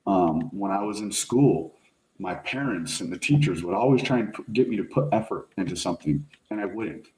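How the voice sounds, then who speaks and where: A middle-aged man, a fire service officer, telling a story as a podcast guest in a casual, animated way, full of slang. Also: deep voice, fairly quick. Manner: animated, slangy, says "like" and "bro" often. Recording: roomy echo.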